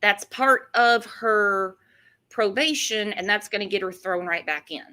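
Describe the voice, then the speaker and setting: A woman's voice: mid-range voice, unhurried, pushed and bright. A woman hosting a casual true-crime commentary chat, with a sarcastic, mocking edge. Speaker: host.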